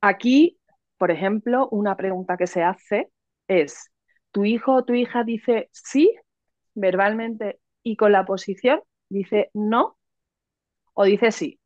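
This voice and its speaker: A woman's voice: mid-range voice, takes it slowly, darkish tone, no echo, dull audio. A woman psychologist from Spain explaining in an interview, teacherly, checking in with her listener and acting out examples. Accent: Peninsular Spanish. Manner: didactic, checks in with "¿vale?", acts out examples. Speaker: psychologist and early intervention counselor.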